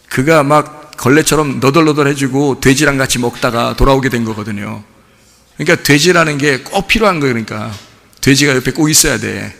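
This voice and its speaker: A man's voice: medium pitch, vocal fry, fairly bright tone. A man pastor preaching a sermon in a conversational, storytelling way, acting out his own prayers. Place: church sanctuary. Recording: echoey church hall.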